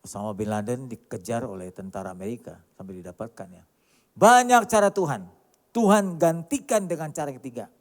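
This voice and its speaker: A male pastor preaching a sermon emphatically, with many rhetorical questions and sharp swings between loud and quiet delivery. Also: fairly high pitch. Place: large church hall. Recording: church hall reverb.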